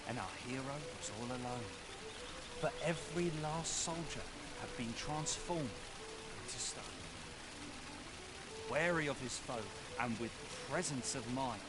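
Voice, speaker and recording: A theatrical street bard from a fantasy video game. His voice sits fairly high for a male, and he declaims in grand, old-fashioned phrases, like a showman telling tales for coin. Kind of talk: scripted rhyming storytelling, video game acting.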